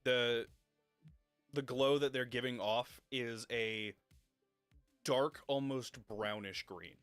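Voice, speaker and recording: Slow, hesitant male game master. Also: mid-range voice, a bit bright, smooth, no room sound, soft background music. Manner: hesitant, many fillers, laughs easily. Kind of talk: narrating a tabletop game on stream.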